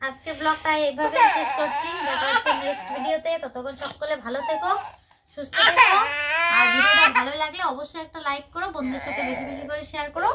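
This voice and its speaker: A woman's voice: sits high, fast, roomy sound. A woman, a mother narrating a casual home vlog and chatting to viewers as friends. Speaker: vlogger, mother. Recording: home noise, cooking sizzle behind.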